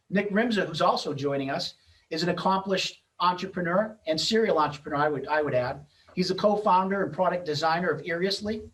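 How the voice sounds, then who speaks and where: This is a middle-aged man with a voice on the high side, hosting and moderating an event. He introduces in a semi-formal, loosely scripted style through a video-call microphone, heard on a distant mic in a low-quality recording.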